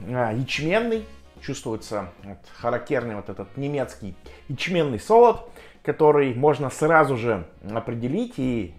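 A man giving a casual, chatty and jokey review to viewers, speaking with hesitant pauses as a vlogger. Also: mid-range voice, darkish tone. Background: music.

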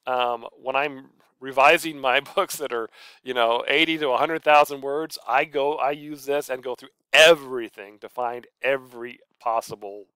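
This man, a college professor and author, walks through a software tutorial in a relaxed screencast, narrating his steps informally. He speaks at a medium pitch with a fairly bright, clean tone and no echo.

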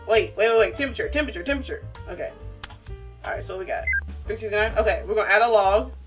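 A woman's voice: mid-range voice, quick pace, distant mic, music in the background. A young woman giving casual, slangy gameplay commentary, animatedly talking to herself and to her viewers. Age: young adult. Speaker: gaming streamer.

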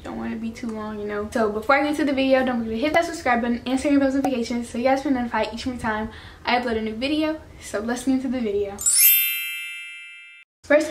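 A woman's voice: on the high side, background noise. A young woman vlogging casually to camera from home, chatty and full of filler words. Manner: chatty, heavy use of filler "like". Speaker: beauty vlogger.

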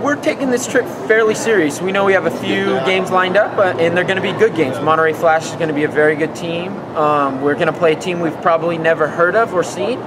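A man's voice: fairly high pitch, brisk, few pauses. A young man, a soccer player, giving a casual, confident postgame interview in an indoor arena. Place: indoor arena after a game. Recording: loud crowd in an arena. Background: crowd noise.

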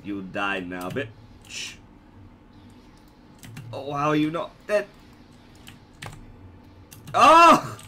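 A man's voice: mid-range voice, big pitch swings, slow, long pauses, fairly bright tone. A man casually commenting on his own gameplay, joking and stammering through restarts.

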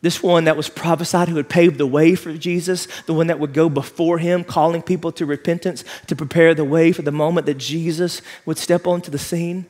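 A man with a fairly high, darkish voice speaks briskly and evenly, barely pausing. He's a pastor delivering an impassioned, emphatic sermon in a large church auditorium, walking the stage as he preaches.

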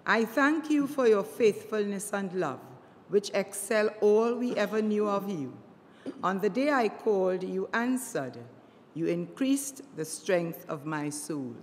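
Old lady in her 70s reading scripture, slow n solemn, long church echo, noisy background. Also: mid-range voice, animated. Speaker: lector. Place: inside a church. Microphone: microphone on lectern stand. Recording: church reverb with clear background noise.

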